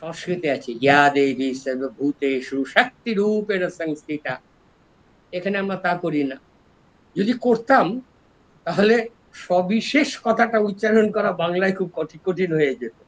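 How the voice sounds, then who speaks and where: Older east bengali professor giving a lecture, slightly high voice, explains slow and patient step by step. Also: male voice, low-quality recording. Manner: explains slowly and step by step, lively rises and drops in voice. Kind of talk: scholarly lecture on word origins.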